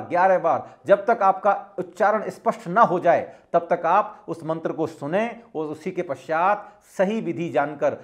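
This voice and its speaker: A man giving a spiritual teaching talk, measured and instructive, repeating his key points. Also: fairly high pitch.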